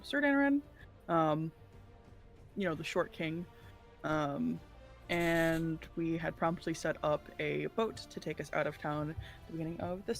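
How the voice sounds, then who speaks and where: A player at a tabletop game session, speaking at a middling pitch. They tease the group and recap past events in a loose, rambling way, full of pauses and fillers. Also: vocal fry. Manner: teasing, rambling with many fillers. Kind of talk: casual chat and session recap.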